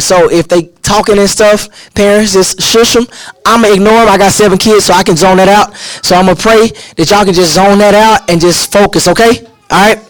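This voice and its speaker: A man preaching an Easter sermon as pastor, reading scripture earnestly and then slipping into relaxed, casual asides to his church. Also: sits high, dry recording, rough recording.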